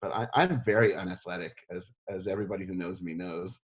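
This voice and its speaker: A middle-aged man from South Africa, talking casually in an interview, relaxed and self-deprecating with many fillers. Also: deep voice, fast. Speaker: history professor interviewed.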